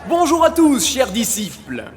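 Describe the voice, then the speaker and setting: An actor playing a fervent, unctuous cult priest, declaiming ceremonially in an audio drama. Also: male voice, very high-pitched, huge pitch swings, unhurried, in a large hall, some chatter behind, a little hiss or hum, full character voice. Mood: fervent, welcoming. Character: fervent male cult priest, unctuous herald of his master.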